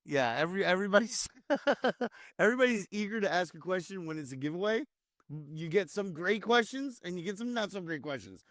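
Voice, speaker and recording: A man's voice: sits high, lively intonation, a little fast, fairly bright tone, no echo, studio quality. A man hosting a casual online interview, rambling and restarting his sentences. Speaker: community host.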